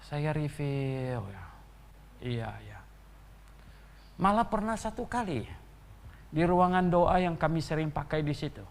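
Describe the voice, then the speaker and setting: A man pastor giving an animated sermon in a church, full of rhetorical questions and chuckling asides. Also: high voice, in a large hall.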